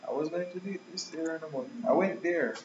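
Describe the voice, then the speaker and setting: A man's voice: fairly high pitch, fast, a little mellow. A young man, a student, chatting in an offhand, laid-back way with classmates. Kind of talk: casual classroom chat. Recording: distant, echoey, lo-fi, very noisy.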